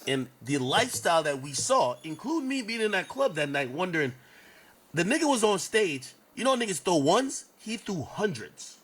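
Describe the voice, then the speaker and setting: A man's voice: high-pitched, moderate pace, breathy edge, poor audio. A man on a stream telling a long story in a casual, profane way, acting out what people said. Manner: animated, profane, acts out quotes.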